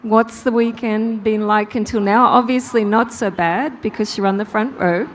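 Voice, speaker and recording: A woman's voice: medium pitch, steady tone, moderate pace, a little hiss or hum. A woman doing chatty, upbeat live interviews out on a race track grid. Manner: chatty, upbeat, talks over the crowd. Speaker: grid reporter.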